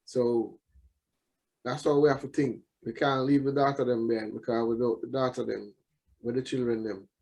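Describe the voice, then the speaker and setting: Male interview guest, Jamaican accent, medium pitch, thoughtful and halting delivery with repeated words, casual talk. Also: level tone, vocal fry, a little mellow, low-quality recording. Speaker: musician guest.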